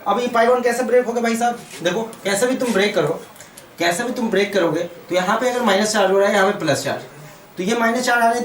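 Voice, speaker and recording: A man's voice: high voice, fairly bright tone, a little hiss or hum. A man with an Indian accent teaching chemistry at a board, asking questions and answering them himself while repeating key terms. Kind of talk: whiteboard lecture. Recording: echoey room, mic far off.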